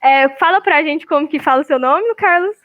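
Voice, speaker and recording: A Brazilian woman with a Brazilian Portuguese accent hosts a live online event as event host and chapter leader. Her high-pitched voice runs at normal speed, chatty and full of fillers and restarts, coming through video call in lo-fi online call audio.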